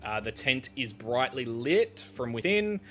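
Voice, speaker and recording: A man's voice: mid-range voice, sing-song, unhurried, sharp tone, slight background noise. An Australian man running a tabletop game as dungeon master, describing scenes with frequent ums and uhs.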